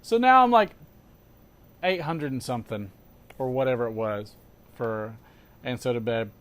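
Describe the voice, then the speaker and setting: A man hosting a casual show, chatting as an animated storyteller with sarcastic asides, emphatic repetition and rhetorical questions. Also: mid-range voice, moderate pace. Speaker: host of a pipe-smoking show. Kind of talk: casual chat.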